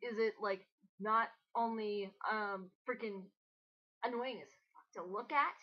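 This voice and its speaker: On a dull, lo-fi home recording, this female host of a dramatic reading commentary speaks at medium pitch with fairly even intonation and a slightly slow pace. She keeps things casual and mocking, joking around, sounding exasperated, and cursing frequently.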